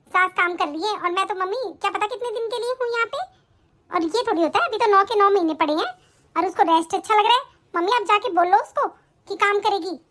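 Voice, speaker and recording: A woman voicing a spoiled, greedy young sister-in-law in an animated family drama, demanding and whiny. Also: extremely high pitch. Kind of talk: animated story voice acting.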